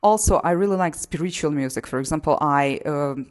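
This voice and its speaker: A Polish woman with a Polish accent, a singer who practices GSR, talks casually about her musical path and a self-help method. Her low voice moves briskly, and she fills her monologue with "you know" and "you see."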